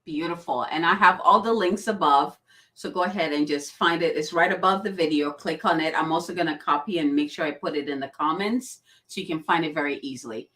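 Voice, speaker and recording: A woman's voice: low voice, brisk, a bit bright, rough recording. Woman, host, casual interview, effusive, heartfelt. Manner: effusive and heartfelt, gets emotional.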